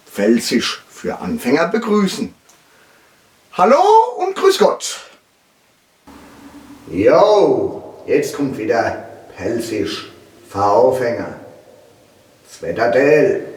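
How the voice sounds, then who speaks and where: A man with a Palatine German accent giving a mock-formal comic dialect lesson, pompous and lecturing with dialect asides. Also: on the low side.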